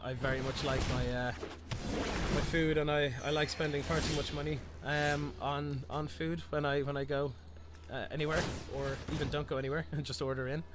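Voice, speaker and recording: Streaming a card game in a small room, a young Dubliner with a mild Irish accent chats casually with viewers over a headset, game music running behind his voice. His voice is a little high, with background noise, and he's a rambling, chatty, self-mocking talker who restarts a lot.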